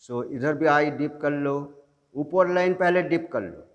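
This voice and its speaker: A man teaching an online drawing class, giving slow step-by-step instructions and mixing in English. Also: on the high side, in a large hall, muffled recording. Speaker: art teacher.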